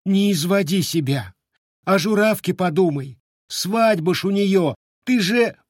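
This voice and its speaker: A man's voice: high-pitched, measured pace, dry recording, studio quality, pitched above the performer's own voice. A man voicing an anxious peasant wife who laments and pleads. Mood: pleading.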